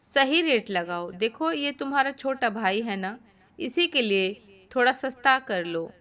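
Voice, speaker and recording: A woman's voice: a little high, expressive, measured pace, bright, forceful tone. A woman voicing a thrifty middle-aged wife who haggles firmly over a price, in a storybook reading. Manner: bargaining, firm. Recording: dull lo-fi recording.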